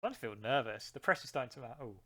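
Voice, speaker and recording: A man's voice: medium pitch, lively intonation, fast talker, fairly bright tone. A man streaming a card game live, chatting casually with his viewers and rambling between plays.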